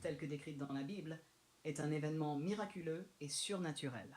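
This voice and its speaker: A text-to-speech male AI assistant voice played from a device, reading formal explanations in an even manner. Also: fairly high pitch, a little fast, echoey room, faint music behind. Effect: synthetic AI assistant voice played from a device. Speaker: AI chatbot answering questions.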